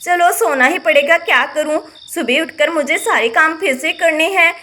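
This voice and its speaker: A tired, nagging village wife, as a woman plays her in a doll-play story. Her voice sits very high and bright, and she grumbles and scolds steadily. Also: normal speed, a little hiss or hum. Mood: weary. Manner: complaining, nagging.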